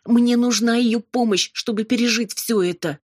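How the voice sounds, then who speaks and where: A frightened young heroine from an audiobook, as a woman narrator plays her, pleading high and urgently. The voice is husky and the recording dry, right at the mic. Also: normal speed, a little mellow, no echo.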